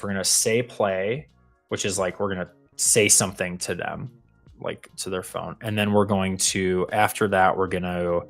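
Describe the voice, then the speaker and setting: Deep-voiced guy on a dev stream, laid back, muttering thru his build step by step. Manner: thinks aloud while building, relaxed and meandering. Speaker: co-host building a coding demo. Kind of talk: casual live-stream walkthrough.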